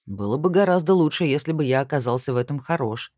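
A reader voicing a cocky young man who teases his girlfriend in a low, soft, smug tone, in an audiobook. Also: expressive, fast, dry recording, studio quality, lightly acted. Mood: teasing. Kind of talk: audiobook dialogue.

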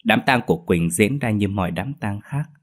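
Low, husky male narrator for a ghost story; measured and steady. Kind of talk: scripted horror narration. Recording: faint music behind.

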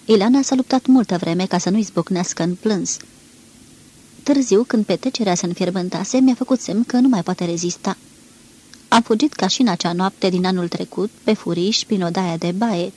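A woman narrating a literary novel aloud in a measured, expressive reading, with a husky voice. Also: medium pitch. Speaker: audiobook reader.

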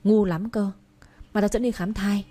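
A woman reading the part of a shrewd, protective elder sister-in-law who speaks in a brisk, bossy way. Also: medium pitch, fairly even intonation, warm tone, lightly acted.

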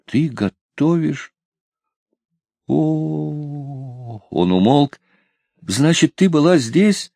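A man's voice: on the high side, lively intonation, extremely slow, creaky, pauses often, mellow, dry recording, studio quality, voice pushed up, exaggerated voice. A man reading an audiobook, voicing an eager, awkward young sailor who is pushy and flustered.

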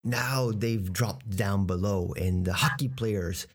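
A man's voice: lowish voice, slow, breathy edge. An American man teaching English vocabulary, patiently breaking words into pieces and spelling them out for a learner. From United States. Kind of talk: explaining vocabulary from a TV clip.

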